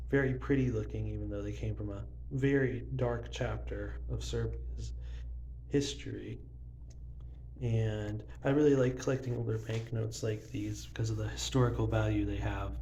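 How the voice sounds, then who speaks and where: In this phone clip, a young man casually films his banknote collection and rambles through it with plenty of fillers. His voice sits lowish with a dark tone, and there's slight background noise.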